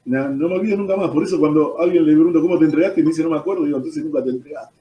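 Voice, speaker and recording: Speaking rapid-fire in a slightly high voice, a man with an Argentine accent shares his testimony as a pastor during an interview, with frequent "¿viste?" thrown in. The audio is dull and echoey, and he's distant from the microphone.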